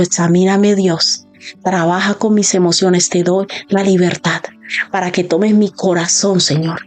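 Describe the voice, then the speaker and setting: Fervent woman pastor preaching. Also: a little mellow. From Spain. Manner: fervent, switches to high voice acting out doubters. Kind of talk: sermon.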